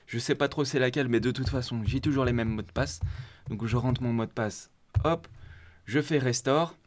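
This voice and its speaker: A man hosting a community channel, talking casually as he walks viewers through a software setup step by step. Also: mid-range voice, moderate pace. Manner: chatty and informal, walking viewers through clicks step by step. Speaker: host of a crypto community channel. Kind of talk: casual screen-share tutorial.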